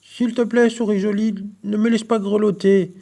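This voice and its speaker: A man voicing a small pleading female frog in a read-aloud picture book, with a croaky, wheedling voice. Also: sits high, flat delivery, moderate pace, dark tone, pitched above the performer's own voice.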